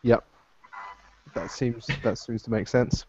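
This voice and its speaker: A man's voice: mid-range voice, fairly even intonation, takes it slowly, mellow, slight background noise. A man chiming in on a casual motorsport chat with short, good-natured banter. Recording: dull lo-fi audio.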